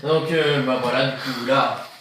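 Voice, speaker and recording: A man's voice: medium pitch, steady tone, unhurried. A man chatting casually while unboxing purchases, rambling and joking, repeating himself. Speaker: video host showing purchases. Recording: echoey room, faint noise.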